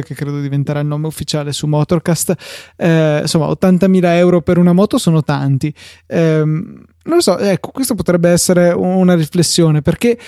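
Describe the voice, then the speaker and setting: A man's voice: a little high, warm tone, smooth, dry recording, studio quality. A man hosting a casual podcast discussion, rambling as he thinks aloud. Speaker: podcast host.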